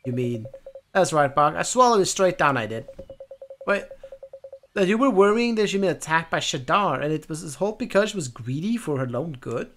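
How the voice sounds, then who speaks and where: Animated man reading game dialogue aloud. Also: a little high, slight background noise. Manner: reads every character's lines himself, animated. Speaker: lets-play streamer.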